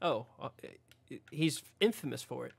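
A man's voice: mid-range voice, expressive, moderate pace, vocal fry, husky, no echo. A man co-hosting a gaming stream in casual banter, joking around and laughing often. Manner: joking, giggly, mock foreign phrases. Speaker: gaming channel co-host.

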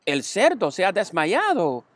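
A man's voice: high voice, huge pitch swings, a little slow, a bit bright, no room sound, voice pushed up, exaggerated voice. Man voicing a practical farm wife. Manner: practical, matter-of-fact.

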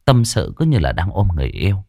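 A man narrating a ghost story dramatically, dropping to a hush for tension. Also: low voice, fast, vocal fry, dry recording, studio quality. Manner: dramatic, expressive, swings between hushed and loud.

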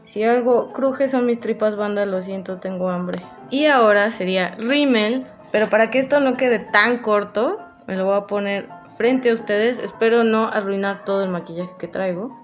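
A woman's voice: medium pitch, normal speed, hardly any pauses. A woman with a Mexican accent chatting casually and playfully to her viewers while doing her makeup, laughing often. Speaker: makeup vlogger. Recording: dull lo-fi with faint music.

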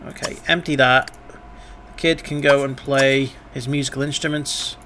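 A man's voice: medium pitch, fairly even intonation, a little slow, noisy background. A man streaming a life-sim game, giving wry, chatty commentary and swearing casually.

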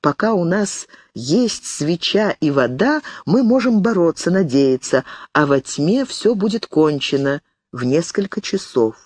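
A woman's voice: on the low side, sing-song, a little slow, few pauses, a little mellow, dry recording, studio quality. A woman reading an audiobook, voicing a firm older sister who scolds and steadies her younger sibling. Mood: stern. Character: stern, protective older sister.

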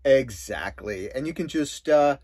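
A man's voice: mid-range voice, animated, unhurried, darkish tone, no room sound. A middle-aged man co-hosting an RV travel show, explaining options steadily in casual chat with plenty of ums and uhs. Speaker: co-host of an RV travel channel. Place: small indoor room in front of a green screen.

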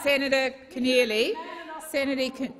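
A woman's voice: high-pitched, steady tone, normal speed. An Australian woman in her fifties presiding over a parliament, firmly calling speakers to order. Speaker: presiding officer of a legislature. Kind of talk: procedural chairing. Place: large indoor legislative chamber. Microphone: desk microphone while seated. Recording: reverberant parliamentary chamber.

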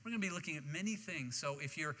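A man preaching a sermon as pastor, talking in an animated way that often restarts its phrases, recorded in a church sanctuary through a stage microphone. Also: fairly high pitch, quick pace. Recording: long reverb of a church hall.

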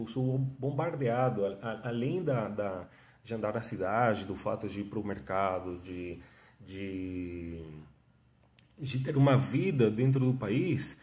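Recording himself on a phone camera at arm's length in a small, echoey room at home, a Venezuelan man in his thirties speaks in a warm, medium-pitched voice. A second-language speaker with a Venezuelan Spanish accent, he tells his life story as a casual, chatty self-interview monologue full of restarts and tag questions.

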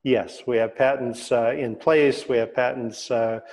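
An older man, a company head, explaining his product at a measured pace with fillers and restarts, heard over a video call. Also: mid-range voice, fairly even intonation, a little mellow, low-quality recording. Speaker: company CEO guest. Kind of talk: remote video interview. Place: indoor room, plain wall behind. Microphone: webcam video call.

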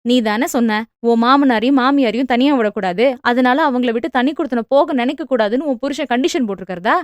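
A woman voicing an anxious, talkative middle-aged mother who scolds quickly and defends herself. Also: a little high, no echo, clean studio sound, natural voice. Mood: defensive scolding. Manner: fast, fretful, scolding.

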